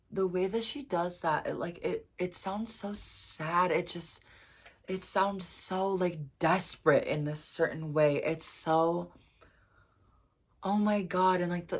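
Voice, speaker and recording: A woman reacting to an album in a casual vlog, emotional and gushing, full of "like" fillers and soft near-whispers. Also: fairly low pitch, husky. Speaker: music reaction vlogger.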